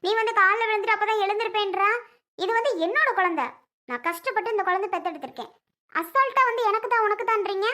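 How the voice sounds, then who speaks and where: A woman's voice: very high-pitched, fast talker, sharp tone. A woman playing a young mother who coos at her baby and fiercely protects it in a family drama skit. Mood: angry. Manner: chatty, fondly grumbling to the baby.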